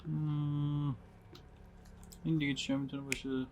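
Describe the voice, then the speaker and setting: Fast-talking Iranian man muttering through a game. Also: a little high, flat delivery, background noise. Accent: Iranian Persian. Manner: muttering, thinking aloud. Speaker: game streamer. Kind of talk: casual game walkthrough commentary.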